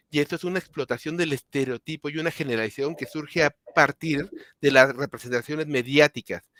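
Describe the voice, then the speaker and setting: A man's voice: fairly high pitch, fairly bright tone, no echo. A Mexican man speaking up in a class discussion, explaining with "o sea".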